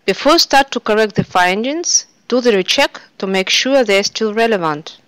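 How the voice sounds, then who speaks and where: A woman narrating a software screencast tutorial in a steady instructional way. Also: medium pitch, normal speed, clean tone, dry recording, poor audio.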